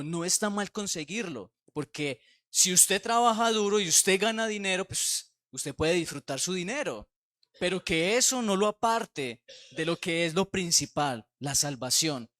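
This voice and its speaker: A man's voice: on the high side, a bit bright, no echo, clean studio sound. A man with a Colombian Spanish accent preaching a conversational sermon as pastor, sometimes acting out the voices he quotes.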